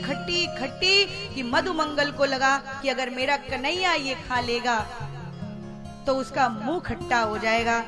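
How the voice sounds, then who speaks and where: A woman preacher telling a devotional scripture story in an emphatic, dramatic style to a gathering. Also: high-pitched. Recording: loud devotional music behind the voice.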